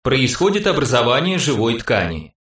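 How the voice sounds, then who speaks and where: A man putting on a flat mechanical robot voice. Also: mid-range voice, moderate pace, roomy sound, distant mic, heavy background noise, close to an everyday voice. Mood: toneless. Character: cold mechanical male system robot voice. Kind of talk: audiobook narration.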